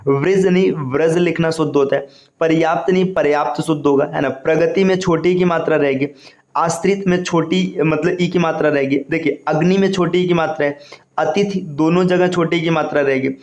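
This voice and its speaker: A man's voice: fairly high pitch, steady tone, brisk, a little mellow. A man teaching an exam-prep spelling lesson, explaining each word patiently and often checking in with his listeners. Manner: repetitive, explanatory, frequent tag questions. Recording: echoey room.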